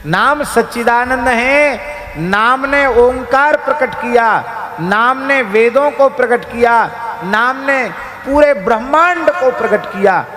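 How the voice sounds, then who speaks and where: A man giving a devotional sermon, with an emphatic rising and falling delivery and slow chanted verses. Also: very high voice. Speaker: spiritual preacher. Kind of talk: devotional discourse. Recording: reverberant hall with soft music.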